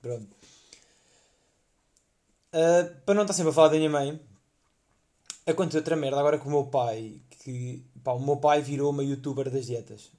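A man's voice: on the high side, fairly even intonation, moderate pace, pauses often, dark tone. A young man with a European Portuguese accent telling rambling comic stories as a podcast host, full of slang and fillers. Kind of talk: casual comedic storytelling monologue.

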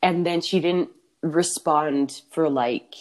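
Young woman, podcast co-host, casual chat, blunt, swears, slightly low voice. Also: a little mellow. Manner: candid, swearing, quick asides and laughter.

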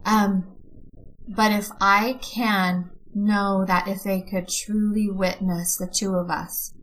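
A woman's voice: medium pitch, level tone, slow pace, fairly bright tone, slight background noise, low-quality recording. A woman guest on a podcast interview, a coach who talks candidly and emotionally about faith and hardship. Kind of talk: conversational interview.

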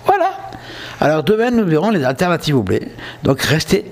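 A man's voice: a little high, very animated, fairly quick. A man with a southern French accent hosting a casual solo podcast, chatting straight to his listeners and often checking in with them. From southern France. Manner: chatty, addresses listeners directly with frequent "ok?". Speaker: podcast host.

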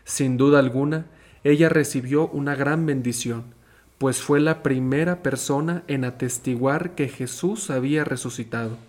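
A young seminarian reads a gospel passage aloud calmly and deliberately, then shifts into a brief, sincere reflection without changing his steady pace. His voice rests at a typical middle pitch for a man.

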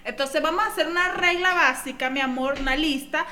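A woman with a Venezuelan accent co-hosting a casual podcast, telling animated stories in heavy slang. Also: high-pitched, fairly quick, a little hiss or hum. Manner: animated storyteller, slangy, calls people "mi amor". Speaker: podcast co-host.

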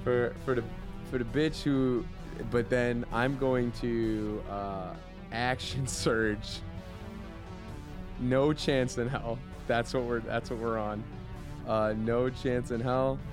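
A man with a mid-pitched voice plays a tabletop role-playing game, talking casually through his moves. Music plays clearly behind him. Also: steady tone, slow.

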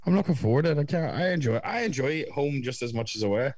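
A man's voice: medium pitch, expressive, rapid-fire, darkish tone, dry recording. Male co-host, twenties, Northern Irish, casual sweary podcast talk, dry recording. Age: 20s.

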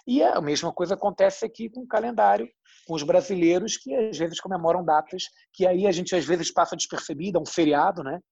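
Husky Brazilian man from Rio. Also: high-pitched, a little fast, a little mellow, no echo, lo-fi sound. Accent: Rio de Janeiro Brazilian Portuguese. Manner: explanatory, thoughtful, frequent "né?" tags. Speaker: journalist. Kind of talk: interview answers.

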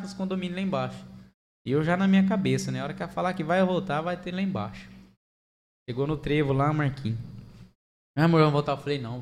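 A middle-aged man with a Brazilian accent, a podcast guest telling stories in an animated, chatty way full of fillers. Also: a little high. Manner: animated, chatty, many fillers, laughs at own story. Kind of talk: casual storytelling chat.

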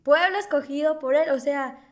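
A young woman with a notably high voice tells her testimony in casual interview talk. She tells it in a lively way, slipping into the voices of the people she quotes. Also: normal speed. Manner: lively storytelling, acting out remembered dialogue. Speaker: interview guest giving a church testimony.

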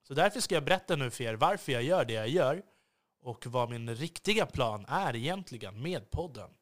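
A man's voice: medium pitch, animated. Intense man hosting a solo podcast. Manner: intense, earnest delivery that can sound biting; frequent hesitations and restarts. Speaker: podcast host.

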